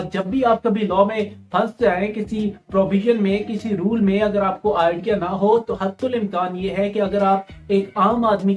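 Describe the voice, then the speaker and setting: A tutor with a Pakistani accent gives exam-preparation instruction, explaining material and repeating the key points while mixing in English terms. Her voice sits at a medium pitch.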